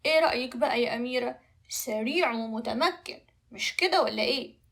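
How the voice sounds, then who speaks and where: A woman with an Egyptian Arabic accent voicing a proud, showy male dragon in a children's story, clearing his throat again and again. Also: a little high, fairly quick, fairly bright tone. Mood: boastful. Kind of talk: storybook voice acting.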